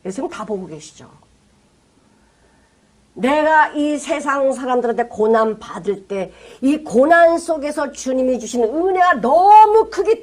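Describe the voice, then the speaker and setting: High-voiced, emphatic woman pastor preaching. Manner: emphatic, rhetorical questions, swings between loud and hushed. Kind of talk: sermon.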